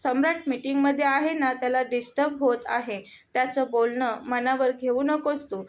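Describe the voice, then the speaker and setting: A woman voicing a calm middle-aged mother who speaks gently. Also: high voice, normal speed, lightly acted. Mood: gentle. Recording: dull lo-fi audio.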